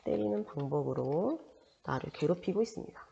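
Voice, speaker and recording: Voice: mid-range voice, animated, moderate pace, vocal fry, dark tone, a little hiss or hum. A teacher reads a short story aloud and stops often to explain it, asking the listener little questions along the way. The sound is dull and lo-fi, and a long reverb trails after each phrase. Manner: explains with frequent rhetorical check-in questions. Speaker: Korean language teacher.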